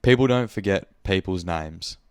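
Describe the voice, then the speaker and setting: A man's voice: low voice, moderate pace, clear, resonant tone, dry recording. A young man with an Australian accent, hosting a podcast in a casual, rambling monologue, speaking frankly and swearing freely. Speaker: podcast host.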